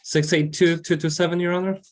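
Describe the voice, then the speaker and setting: A man's voice: a little high, little pitch movement, fairly quick. An American man speaking formally in court as a prosecutor, stating case details and terms.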